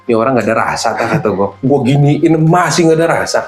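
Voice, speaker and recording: A man's voice: medium pitch, fast talker, faint music behind. A man, animatedly telling a true horror story in casual slang. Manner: animated, slangy, acts out voices. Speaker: guest storyteller.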